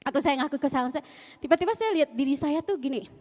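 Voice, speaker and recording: A middle-aged woman shares a testimony at a church service in a high, bright-pitched voice. She tells it in a chatty, slangy way and laughs often. Her voice carries a long reverb from the church hall. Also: expressive, very fast. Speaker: church member giving testimony.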